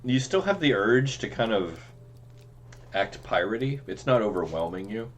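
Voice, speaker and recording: A man running a tabletop game as game master, narrating scenes in a slow, dramatic way. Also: lowish voice, sing-song, slight background noise.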